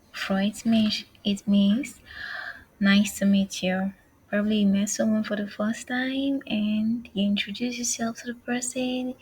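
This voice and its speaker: A woman teaches an online language lesson at a very slow, unhurried pace. Her voice is soft and breathy, sitting at an ordinary middle pitch. She says each phrase twice with careful pronunciation. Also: low-quality recording.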